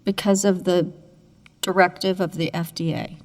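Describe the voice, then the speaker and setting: A woman judge presses counsel with probing questions in a low, gravelly voice. A long courtroom reverb trails her words. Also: level tone, normal speed, a little mellow. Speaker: appellate judge. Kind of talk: questioning counsel at oral argument. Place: appeals courtroom.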